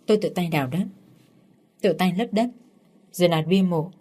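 Low-voiced woman narrating a story. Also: normal speed, warm tone. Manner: reads every character herself, first-person narration.

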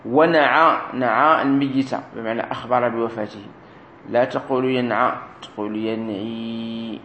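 A man teaching a grammar lesson as a sheikh, explaining slowly, repeating key words and drilling verb forms aloud. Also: medium pitch, fairly even intonation, sharp tone. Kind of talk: recorded classroom lesson. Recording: roomy echo with faint room noise.

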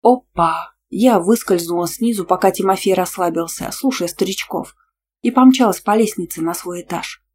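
A woman narrating a first-person romance novel in a lively, expressive, feisty way. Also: lowish voice, normal speed, slight background noise. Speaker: audiobook narrator.

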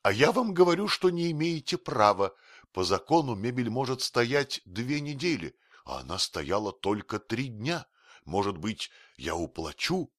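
A man voicing a fussy, excitable, fawning man who gushes in breathless exclamations. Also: sits low, a little slow, hardly any pauses, husky, no room sound, clean studio sound, full character voice. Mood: panicked.

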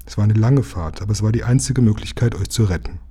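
A man voicing a gentle mermaid princess. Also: on the low side, fast, husky. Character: young mermaid princess, friendly and proud.

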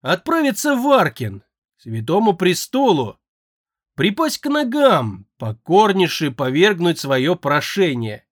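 A man's voice: sing-song, a little slow, no room sound, clean studio sound, full character voice. A man voicing a young male air mage who is frightened, tearful and pleading, in an audiobook. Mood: fearful pleading. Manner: pleading, shrill and anxious.

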